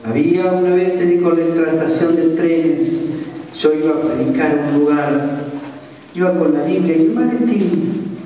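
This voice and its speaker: Man, pastor, lively sermon storytelling, long hall reverb. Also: a little slow, slight background noise. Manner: storytelling with animated pitch swings. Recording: echoey church hall from far off.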